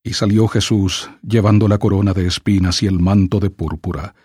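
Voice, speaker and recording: A man reading scripture aloud for an audiobook in a measured, solemn way. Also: low voice, fairly even intonation, mellow, slightly rough, dry recording, clean studio sound. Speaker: scripture reader.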